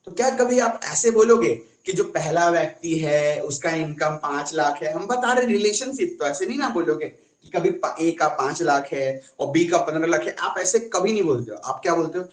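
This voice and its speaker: A man's voice: a little high, lively intonation, normal speed, few pauses, echoey room, poor audio. A man teaching a casual online maths class in a chatty way, often asking his students questions.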